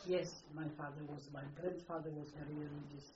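An older Polish woman with a Polish accent speaks in an oral history interview, her non-native phrasing halting as she repeats words while searching for them. Her voice is deep and darkish, her tone steady. It was captured on muffled, roomy archival tape.

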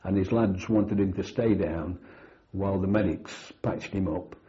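An older British man, a former soldier, remembers his war service in a measured, matter-of-fact interview manner with dry understatement. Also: sits low, mellow. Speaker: army veteran, former platoon sergeant. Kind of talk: old veteran remembering, oral history interview. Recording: dull, lo-fi interview recording.

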